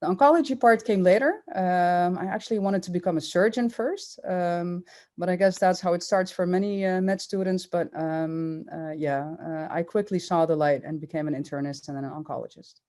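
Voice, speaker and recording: A woman who grew up in Curaçao, speaking as an oncologist guest in a podcast interview, measured and thoughtful with many fillers. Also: fairly low pitch, a little mellow.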